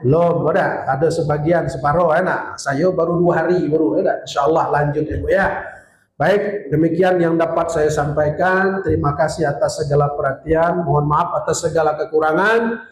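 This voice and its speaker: Male preacher from Jambi with a Malay accent, jokey anecdotes, higher voice, recorded in a reverberant hall. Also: moderate pace. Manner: jokey storytelling, acts out dialogue. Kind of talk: humorous sermon with anecdotes. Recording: echoey hall.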